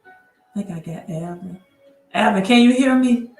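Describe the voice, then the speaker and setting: Faint music plays behind a woman whose medium-pitched voice is creaky and a little mellow, delivered at a measured pace in a reverberant room. She's a credit educator livestreaming casually on her laptop mic, talkative and prone to restarting sentences while fixing her tech.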